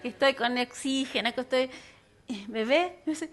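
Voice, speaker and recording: A woman pastor preaches at a moderate pace in a high voice, acting out other people's voices as she animatedly shares a personal story. The recording is very noisy.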